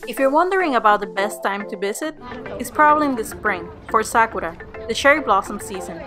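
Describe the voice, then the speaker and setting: A woman's voice: fairly high pitch, expressive, a little fast. A woman in her thirties presenting a sightseeing tour as a travel show host in scripted narration. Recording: loud music and crowd behind. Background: background music.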